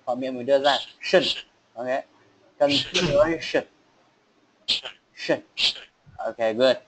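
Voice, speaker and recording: A man teaching an online English class, repeating words slowly and checking that learners follow. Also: mid-range voice, heavy background noise. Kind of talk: online class drilling pronunciation.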